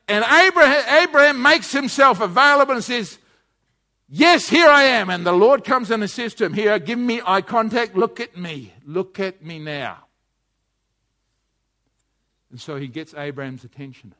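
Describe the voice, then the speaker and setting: A man preaching a sermon, urgently pleading with the congregation, rising to loud appeals and dropping to hushed warnings. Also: extremely high pitch.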